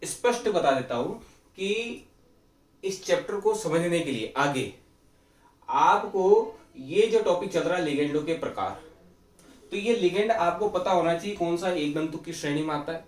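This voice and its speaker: A man's voice: fairly high pitch, lively intonation, a little slow. A male chemistry teacher giving a classroom lecture, asking questions and answering them himself and repeating key terms. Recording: echoey room, mic far off.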